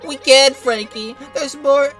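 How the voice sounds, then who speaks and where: A man doing a high, dramatic lovestruck mob daughter. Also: steady tone, slow, a bit bright, soft background music, full character voice. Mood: pleading. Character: lovestruck young female Pianta, mob daughter. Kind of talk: playthrough voice acting of game text.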